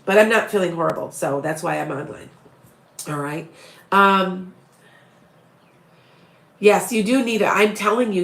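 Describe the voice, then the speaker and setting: Speaking directly to followers in a casual live-stream chat, a psychic medium rambles and often starts her sentences over. Her voice is raspy and fairly low, worn by a head cold that makes her sniffly and short-winded, and the audio is reverberant.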